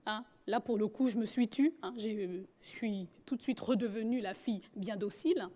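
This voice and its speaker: A woman's voice: mid-range voice, moderate pace, warm tone. A woman from Gabon telling her personal story with humor. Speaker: speaker.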